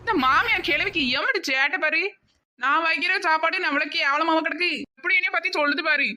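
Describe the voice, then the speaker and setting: A woman's voice: extremely high pitch, brisk, pushed and bright, exaggerated voice. A woman voicing a resentful young daughter-in-law who mutters about her mother-in-law, with a southern Tamil accent. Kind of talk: cartoon voice acting.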